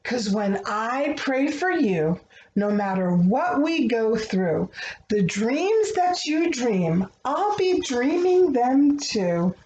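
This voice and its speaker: Hosting a picture book read-aloud, a woman gives an expressive reading of a rhyming book, then talks gently to young children, tender and earnest. Her fairly high voice is very animated, slow and darkish in tone, recorded in a dull, echoey room with faint noise.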